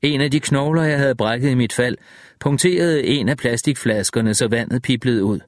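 An audiobook narrator reads scripted narration in a measured, steady storytelling manner. His voice is mid-range. The clean studio recording has no room sound.

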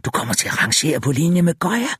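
A man voicing a seductive female spirit in an audiobook, speaking softly and coaxingly, partly in a whisper. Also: on the high side, very animated, husky, dry recording, clean studio sound, pitched above the performer's own voice, heavily acted.

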